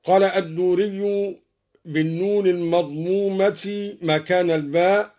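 A man teaching Quran recitation in a measured, deliberate way, explaining each reading and then chanting the verse. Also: high-pitched, fairly even intonation. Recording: dull lo-fi recording.

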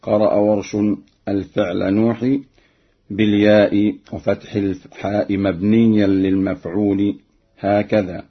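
A man teaching variant readings of the Quran, explaining slowly and chanting the verses he quotes. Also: fairly low pitch, flat delivery, breathy edge, muffled recording. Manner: slow, measured, chants quotations.

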